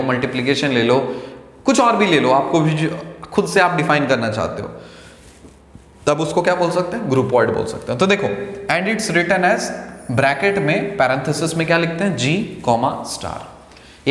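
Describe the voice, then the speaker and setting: A man teaching a maths lecture, slow and deliberate, who asks the class questions and answers them himself. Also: on the high side. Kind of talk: lecture mixing Hindi and English. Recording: echoey room with long reverb.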